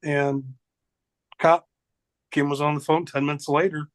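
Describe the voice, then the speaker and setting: Male group member; slightly high, dry close voice, easygoing and joking. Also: flat delivery, unhurried, no echo. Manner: casual, joking storytelling.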